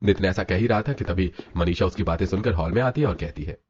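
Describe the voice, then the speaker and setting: A man narrating a scripted animated story in a brisk storytelling manner. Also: low voice, husky. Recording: dull lo-fi with music.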